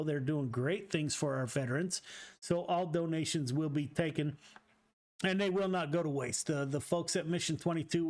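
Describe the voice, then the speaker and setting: A man hosts a sim racing broadcast, his voice sitting a little high. He talks in a halting way, stopping and restarting often as he interviews drivers and reads out announcements. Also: darkish tone. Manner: halting, many uh fillers and restarts. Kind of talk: post-race interview and announcements.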